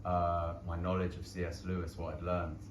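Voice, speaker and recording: A young stage actor from London and Dublin, with a London Irish accent, chats casually and self-deprecatingly after a show in a small indoor pub theatre. His voice is deep and level at normal speed, captured by a distant mic in an echoey room with background noise.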